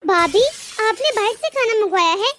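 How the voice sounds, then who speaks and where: A woman's voice: very high voice, lively intonation, moderate pace, fairly bright tone. Woman voicing a resentful cartoon sister-in-law. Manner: grumbling, accusatory. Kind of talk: cartoon story voice acting.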